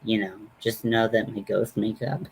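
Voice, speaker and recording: A man's voice: lowish voice, level tone, moderate pace, creaky, rough recording. A man hosting a casual, chatty makeup tutorial in a rambling, self-deprecating way. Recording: noticeable background noise.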